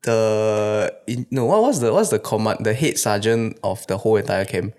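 A man's voice: lowish voice, moderate pace. A man in his twenties with a Singaporean accent, chatting casually with friends in sweary, colloquial Singlish. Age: 20s. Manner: animated storyteller, often breaking into laughter. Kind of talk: casual chat among friends.

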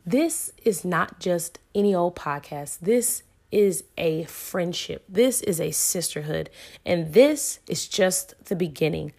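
A woman's voice: lowish voice, animated, slow, a little mellow, slightly rough. A woman in her thirties hosting a podcast, giving an inspirational faith talk to listeners in an earnest, emphatic way with preacher-like repetition. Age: 30s. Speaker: podcast host.

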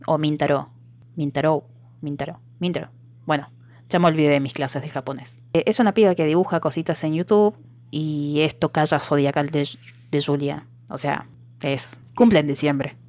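Lower-voiced joking Argentine woman, dry sound. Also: moderate pace, dry recording. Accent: Argentine Spanish. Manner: joking, animated storytelling. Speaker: podcast co-host. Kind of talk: casual chat.

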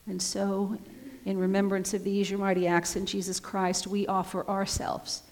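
A woman pastor leading a communion liturgy in a solemn, measured way, her voice ringing with a cathedral echo in a church sanctuary. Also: mid-range voice, completely flat delivery, darkish tone. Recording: long church reverb.

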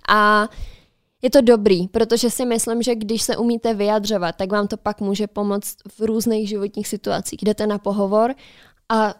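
A woman co-hosting a relaxed podcast, speaking at a middling pitch in a chatty, reflective way. She shares advice in an easy, conversational manner, and her voice sounds dry and close to the mic. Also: dry recording. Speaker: podcast co-host. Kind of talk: casual podcast chat. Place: studio.

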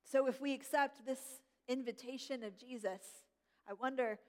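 A middle-aged woman pastor preaching a sermon, gentle and reflective, slowing down to stress key words. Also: sits high, fairly even intonation. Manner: gentle, reflective, slows for emphasis. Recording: long hall reverb.

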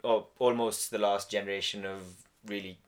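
A man musing on a podcast in a relaxed, sweary way. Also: lowish voice, normal speed. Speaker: podcast co-host. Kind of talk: casual chat.

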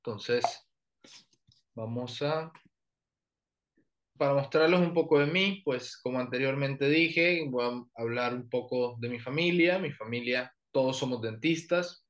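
A man in his thirties from Colombia's Caribbean coast with that accent, an orthodontist explaining his work in an interview, relaxed with many fillers and restarts. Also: mid-range voice, a little slow. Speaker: orthodontist guest. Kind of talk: professional interview and presentation.

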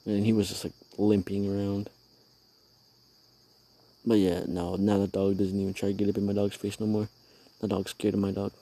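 Gravelly low-voiced man rambling outdoors. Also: monotone, normal speed, warm tone. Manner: rambling, profane, slangy. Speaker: podcast host. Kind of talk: casual rambling storytelling. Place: outdoors at night.

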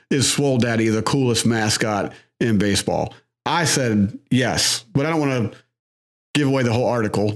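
Chatty, laughing man hosting a podcast. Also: mid-range voice. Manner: chatty and tongue-in-cheek, laughs often, many fillers. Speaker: podcast host. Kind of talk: casual podcast monologue.

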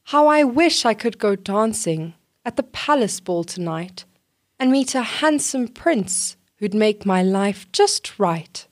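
A woman voicing a sweet, kind young girl in a gentle, wistful tone while reading a storybook aloud. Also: medium pitch, expressive, slow.

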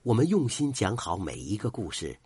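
An older man narrating a folk tale as a storyteller, in a dramatic, highly expressive way. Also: normal speed, breathy edge, no room sound.

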